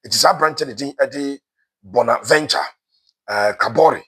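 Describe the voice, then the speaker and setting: A man with a Ghanaian accent delivers football transfer news in a casual, chatty way. His voice is husky and sits at an ordinary middle pitch. He mixes Twi and English freely and fills pauses with "eh". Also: a bit bright. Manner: switches between Twi and English, frequent "eh" fillers. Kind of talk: casual sports news commentary.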